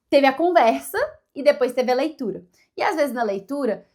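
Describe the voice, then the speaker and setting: A young adult woman from Brazil, a native Portuguese speaker, chatting to camera in a casual vlog, self-deprecating and full of fillers and restarts. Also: on the high side. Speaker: vlogger.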